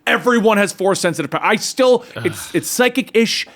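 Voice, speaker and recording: A man's voice: sits high, fairly quick, a bit bright. A man co-hosting a casual pop-culture discussion, explaining his opinions in a chatty, rambling way. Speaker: show co-host.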